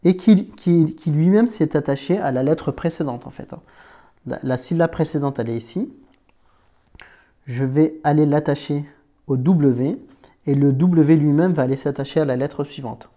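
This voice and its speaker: A man teaching a beginner to read Arabic letters, patient and informal, often checking understanding and slowly sounding out syllables. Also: a little high, warm tone. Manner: patient, informal, talks to one learner as "tu", checks understanding with "d'accord?"; slows down and stretches words to sound them out. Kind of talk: Arabic reading lesson.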